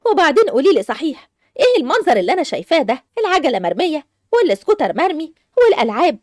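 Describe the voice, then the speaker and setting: A woman's voice: high-pitched, big pitch swings, rapid-fire, dry recording, clean studio sound. A woman with an Egyptian accent playing a mother who scolds and nags her daughters in a game movie. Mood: scolding. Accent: Egyptian Arabic. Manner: scolding, nagging.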